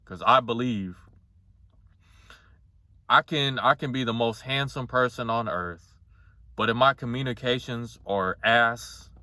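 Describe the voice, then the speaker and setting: A man in his twenties with a somewhat monotone voice, talking casually and bluntly to the camera in a rambling, confessional way with some swearing. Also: mid-range voice, dry recording. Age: 20s. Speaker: vlogger.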